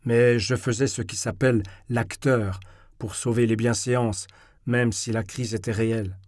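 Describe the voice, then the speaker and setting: A man reads a first-person literary novel aloud at a measured, expressive pace. His voice sits in an ordinary middle register. The recording is dry and close, with no room sound. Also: mid-range voice, no echo. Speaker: audiobook reader.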